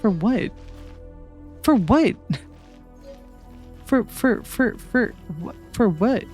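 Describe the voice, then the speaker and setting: A woman streaming a game playthrough, reacting excitedly, giggling and talking to her viewers. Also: on the high side, extremely slow, faint music behind.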